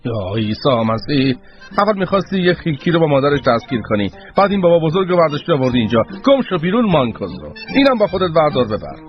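A man's voice: a little high, sing-song, soft background music. Man doing a barking police sergeant. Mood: exasperated. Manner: barking, exasperated. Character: gruff shouting police sergeant. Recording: dull radio broadcast.

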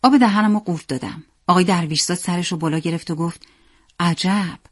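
A woman reading a story aloud as narrator in a steady, plain manner. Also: fairly low pitch, no echo, clean studio sound.

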